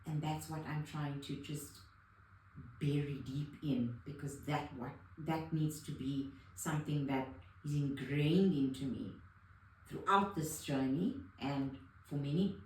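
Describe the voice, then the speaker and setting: A woman's voice: low voice, steady tone, measured pace, a little mellow, a little hiss or hum. A middle-aged woman in a casual conversation, telling about her therapy journey in an emotional, rambling way full of restarts. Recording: very echoey room, distant mic.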